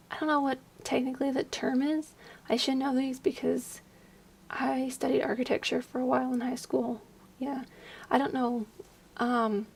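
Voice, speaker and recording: Sitting at a desk at home late at night, a young video creator rambles through casual voice-over commentary on a game build with plenty of fillers. Her voice sits high and she keeps it hushed, slightly hoarse from losing it.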